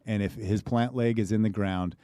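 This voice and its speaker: A man's voice: lowish voice, steady tone, moderate pace, warm tone, smooth, no room sound. A man co-hosting a casual football podcast, asking leading questions with jokey asides. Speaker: podcast co-host. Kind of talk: casual chat about football.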